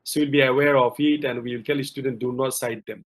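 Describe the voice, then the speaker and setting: A man's voice: medium pitch, fairly even intonation, a little fast, rough recording. A middle-aged man from Malaysia, a professor answering students' questions in an online lecture, explaining at length with many fillers. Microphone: video call.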